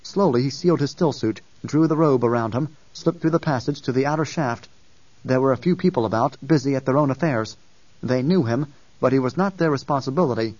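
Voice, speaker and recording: A man narrating an audiobook in a steady, measured reading. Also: mid-range voice, no echo. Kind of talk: scripted narration. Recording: dull distant dry recording.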